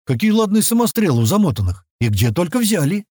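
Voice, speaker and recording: A man's voice: high voice, very animated, fast talker, a little mellow, slightly rough, no room sound, studio quality, voice pushed up, full character voice. A man reading an audiobook, voicing a brash, confident young mountain heir who teases his companions.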